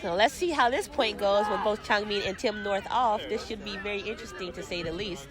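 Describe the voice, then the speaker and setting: A woman's voice: medium pitch, brisk. A woman doing playful, teasing color commentary at an outdoor game. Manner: playful teasing, laughs often. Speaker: sports commentator. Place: outdoors at a sports field. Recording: loud outdoor crowd. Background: crowd noise.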